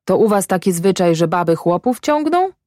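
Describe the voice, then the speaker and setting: A woman voicing a gruff but kind middle-aged peasant man in a storybook, with plain folksy speech. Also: on the low side, very animated, normal speed, warm tone, no room sound, studio quality, pitched above the performer's own voice. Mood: curious.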